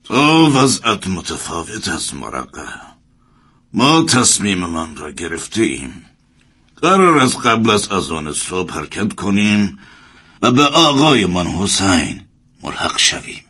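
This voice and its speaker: A grave and wise elder leader, played by a male actor speaks low and husky. His pitch swings widely as he weighs each word in this spoken drama. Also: sing-song, pushed and bright, exaggerated voice. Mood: solemn. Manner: solemn, measured.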